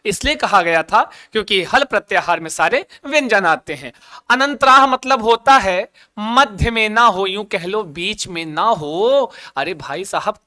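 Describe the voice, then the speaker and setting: A high, bright male voice leads an exam coaching class in a playful, teasing way. He keeps asking his students questions and answers them himself. His tone is smooth and clear. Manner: chants an opening prayer slowly. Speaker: Sanskrit teacher. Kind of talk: online exam coaching lesson.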